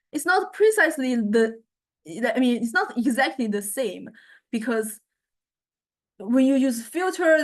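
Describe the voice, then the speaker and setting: A woman lectures informally on music technology while demonstrating software, her voice on the high side. She stumbles over word starts, speaks haltingly, and keeps pausing to check in with her listeners.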